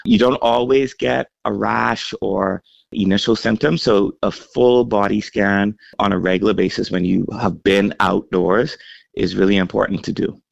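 Man from the Bahamas, health center head, low gravelly voice, dry close sound, unhurried with fillers. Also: fairly even intonation, no echo, lo-fi sound. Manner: measured, explanatory, with frequent fillers. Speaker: health center CEO, interview guest. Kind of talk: radio interview segment.

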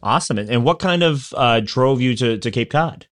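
Lively-voiced male radio host. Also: mid-range voice, moderate pace, no echo, clean studio sound. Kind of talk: scripted intro then interview questions.

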